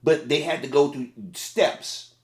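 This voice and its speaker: A middle-aged man, a former fast food manager, giving casual, plain-spoken commentary on a video. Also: a little high, fairly even intonation, roomy sound.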